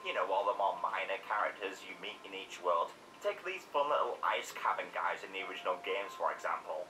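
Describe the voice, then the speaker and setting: A man's voice: sits low, fairly quick, music in the background. A man narrating a scripted critical game review in a sarcastic, opinionated way. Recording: echoey room, distant mic, faint noise.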